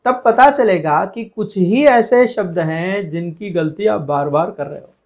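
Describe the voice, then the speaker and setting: Slow, careful male Hindi teacher. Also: sits high. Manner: slow, deliberate, stretches out words to model pronunciation; asks questions then answers them himself. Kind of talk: classroom lesson on spelling and pronunciation.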